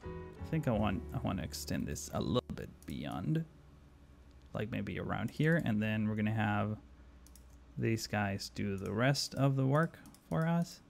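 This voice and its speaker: Faint music sits under a fairly low, gravelly voice with a sing-song lilt and an unhurried pace. An Argentine man streams a city-builder live, musing aloud full of fillers and responding to his chat as he builds.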